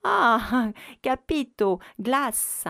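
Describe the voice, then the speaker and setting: A woman voicing a cheerful young male foreign camper who speaks slowly in broken, mixed-language phrases. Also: fairly high pitch, sing-song, creaky, fairly bright tone, no echo, studio quality, heavily acted. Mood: eager.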